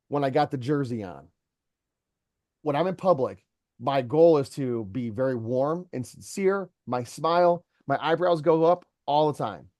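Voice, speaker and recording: Business owner guy giving a worker a earnest pep talk, kinda high voice, dry close sound. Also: a little mellow, no echo. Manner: earnest, storytelling, mentoring. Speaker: company owner coaching an employee. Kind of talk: one-on-one coaching talk.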